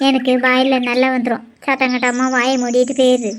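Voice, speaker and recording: A woman's voice: high voice, monotone, fairly quick, slight background noise, voice pushed down, close to an everyday voice. A rude, bossy village woman, as a woman plays her in a cartoon. She snaps at the others. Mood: snapping. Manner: rude and snapping. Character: sharp-tongued bossy village woman, quick to threaten.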